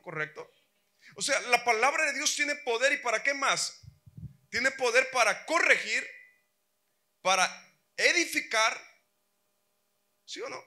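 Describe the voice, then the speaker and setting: High, bright-voiced preacher man. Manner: preaches with rhetorical questions to the congregation, swinging from loud to quiet. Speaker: pastor. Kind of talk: sermon. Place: church.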